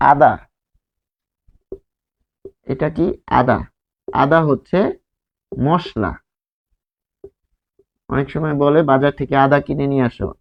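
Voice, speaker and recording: A male grammar teacher with a Bangladeshi Bengali accent stands at a whiteboard, going slowly, repeating himself and asking questions he doesn't expect answered. His pitch is medium, and the audio has its high frequencies cut off.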